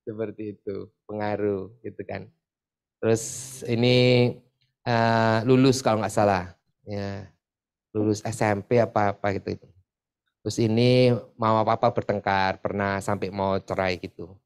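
A man's voice: lowish voice, unhurried, long pauses, clean tone. A man from East Java leading a church group sharing session, talking casually and chatting with many filler tags. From Pasuruan, East Java. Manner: chatty, often adds filler tags, lively when retelling stories. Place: church meeting room.

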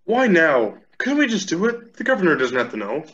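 A man's voice: a little high, brisk, highs cut off. A young man acting a frustrated teenage theatre student who complains about a cancelled show. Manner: complaining, lively. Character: frustrated teenage boy actor.

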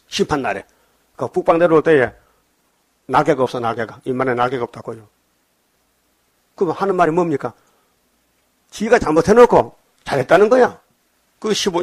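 An older man preaching a sermon, scolding his congregation with rapid rhetorical questions. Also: a little high. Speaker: pastor.

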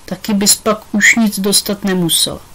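A woman's voice: medium pitch, fairly even intonation, sharp tone, close to an everyday voice, rough recording. A woman reading aloud, voicing a quirky, bold schoolgirl with cheeky retorts in a storybook.

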